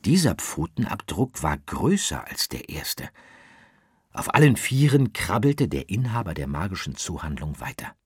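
Storybook narrator, very low and husky, slow and lively, dry close mic. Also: male voice, no room sound. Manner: slow, expressive, with dramatic whispers. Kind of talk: children's audiobook narration.

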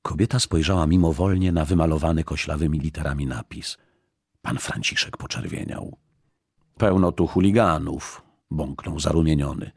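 A man narrating a story in a measured, expressive way. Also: very deep voice, husky, no room sound, studio quality. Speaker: audiobook narrator. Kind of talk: scripted narration.

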